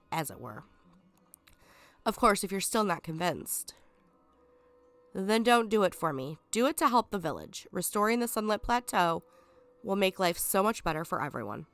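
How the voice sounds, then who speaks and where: A woman with a medium, slightly bright voice, stuffed up from a cold, reads the part of a scheming, condescending male lion villain. The character is sarcastic and calls himself king.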